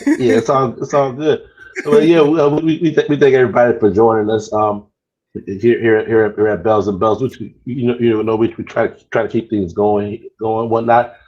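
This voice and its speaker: A man's voice: fairly low pitch, fairly even intonation, normal speed, a little mellow, dull audio. A man hosting a casual podcast chat from a cruise ship, stammering and repeating his words. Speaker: podcast host.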